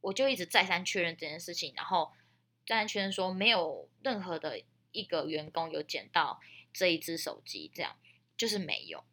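Casting: young female podcast host, Taiwanese Mandarin accent, lowish but bright and forceful tone, colloquial storyteller. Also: sing-song, normal speed. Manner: chatty, colloquial, emphatic. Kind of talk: casual storytelling with friendly advice.

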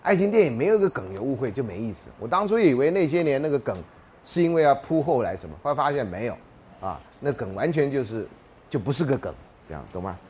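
A man's voice: mid-range voice, very animated, quick pace, darkish tone, slight background noise. A man lecturing a university class, telling jokes and anecdotes and often laughing mid-sentence.

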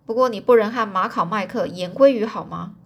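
A woman voicing a gruff, bearded male gang boss in a storybook reading, with a blustering manner. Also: medium pitch, a little fast. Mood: bossy.

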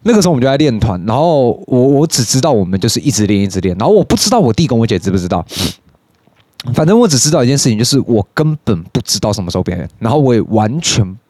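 A young man with a Taiwanese Mandarin accent tells a story from his youth as a podcast host. He swears often and jumps into high, squeaky voices when he imitates other people. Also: sing-song, fast, dark tone, dry recording, clean studio sound. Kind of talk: casual storytelling monologue.

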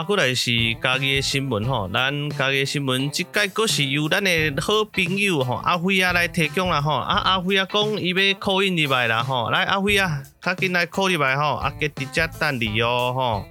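Man as podcast host, bright tone, folksy mock radio newsreader, faint music under. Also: medium pitch, moderate pace. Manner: folksy old-style announcer delivery. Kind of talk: mock radio news bulletin.

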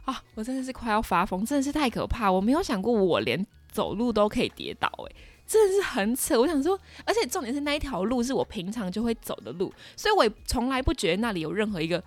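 A woman's voice: on the high side, very animated, fast, few pauses, dry recording. A young woman in her twenties with a Taiwanese Mandarin accent, hosting a podcast and telling a personal story in a dramatic, exclaiming way. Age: 20s. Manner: dramatic, exclaiming, lots of fillers. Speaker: podcast host. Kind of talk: casual storytelling monologue.

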